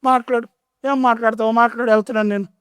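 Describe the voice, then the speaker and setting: A man's voice: very high-pitched, little pitch movement, very fast, fairly bright tone, smooth, dry recording, pitched above the performer's own voice. A man voicing a tearful elderly mother who complains reproachfully about her grown sons. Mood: defiant. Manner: wailing, reproachful pleading.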